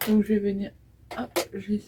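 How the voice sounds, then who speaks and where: A woman's voice: medium pitch, completely flat delivery, normal speed, background noise. A woman in her twenties talking through a makeup tutorial in a casual, hesitant way, with many fillers as she applies eyeshadow. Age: 20s. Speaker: beauty vlogger.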